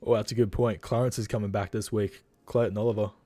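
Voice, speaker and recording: A man's voice: fairly low pitch, flat delivery, fast, dark tone, no echo. A young Australian man hosting a casual livestream, tired and rambling, talking bluntly and swearing freely from home. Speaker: livestream host.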